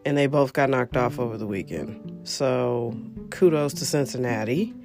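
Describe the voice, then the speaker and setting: Over music, a woman hosts a solo football podcast in a chatty, rambling, emphatic style, her rumbling low voice expressive and edged with vocal fry at a normal speed. She sounds congested and coughs now and then.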